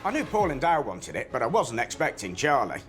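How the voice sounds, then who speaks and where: Fast, animated man talking casually. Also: mid-range voice. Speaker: dealer and bidder. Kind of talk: casual talk to camera. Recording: faint music behind the voice.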